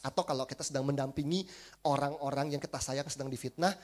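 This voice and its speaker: A male pastor, preaching a sermon in a chatty, animated storytelling manner and often addressing the congregation directly. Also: medium pitch, fast. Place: church service.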